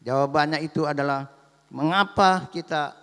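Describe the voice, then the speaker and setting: A male pastor preaching a sermon, telling a story to his congregation and calling them by a warm form of address. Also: a little high, moderate pace, clear, resonant tone. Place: church sanctuary. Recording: echoey church hall.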